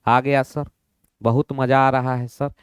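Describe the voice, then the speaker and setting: A man's voice: mid-range voice, little pitch movement, slow pace, smooth, no echo, clean studio sound, pitched below the performer's own voice, natural voice. A man voicing an eager, respectful male student who keeps praising his teacher. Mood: delighted.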